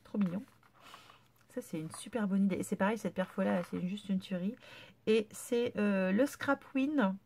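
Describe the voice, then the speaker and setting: A woman's voice: medium pitch, moderate pace, creaky, warm tone. A woman with a stuffy nose from a cold, chatting casually and gushing over scrapbooking swaps. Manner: gushing, chatty, lots of fillers. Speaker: scrapbooking vlogger. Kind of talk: casual unboxing chat.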